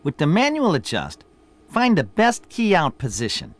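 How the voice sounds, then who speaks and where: A boastful middle-aged boss, teasing, fairly high voice, very lively pitch. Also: male voice, moderate pace. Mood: bossy. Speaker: boss character in a promo video. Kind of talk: scripted promotional dialogue.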